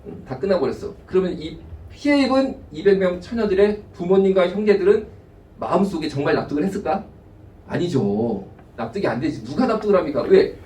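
A man preaching with a high-pitched voice, lively and acting out little asides. His voice rings through an echoey sanctuary and sounds set back from the mic. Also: a little fast, far from the mic. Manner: animated preaching, voices God and people in asides. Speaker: pastor. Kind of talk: sermon. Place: church sanctuary.

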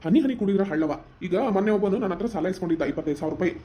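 A voice actor playing a soft-hearted older village father in a family cartoon, speaking North Karnataka Kannada in a rapid, affectionate, reassuring way. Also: mid-range voice, muffled recording, slight background noise, natural voice. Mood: explaining, caring.

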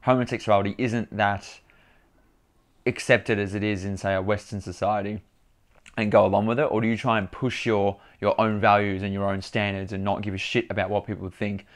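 A young man telling a story to camera in a casual, animated vlog, often restarting and repeating words. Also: fairly low pitch, brisk. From Australia. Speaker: vlogger.

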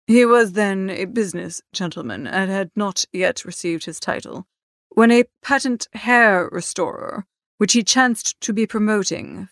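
For an audiobook, a woman voices a polished, deferential gentleman's manservant, reading in a formal, measured, lightly acted way. Her voice is mid-range, and the clean studio recording is dry.

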